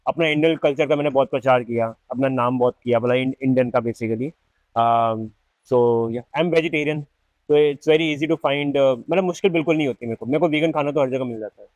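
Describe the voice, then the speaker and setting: A man in his thirties from India hosting a podcast, telling lively stories in casual chat and switching between Hindi and English. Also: mid-range voice, moderate pace, no echo, dull audio. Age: 30s. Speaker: podcast host.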